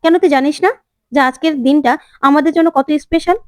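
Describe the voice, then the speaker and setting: A woman's voice: high-pitched, fairly even intonation, fast, no echo, studio quality, voice pushed up, close to an everyday voice. A woman reading a firm young husband. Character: young man, a new husband, stubborn and protective.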